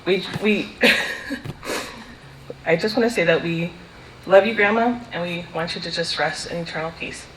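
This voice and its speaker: A woman giving a fond, soft-spoken funeral eulogy for a family member, sharing stories with light laughter. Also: on the low side, measured pace, long pauses, a little hiss or hum. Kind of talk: funeral speech with anecdotes. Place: funeral hall. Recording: echoey hall with faint ambience.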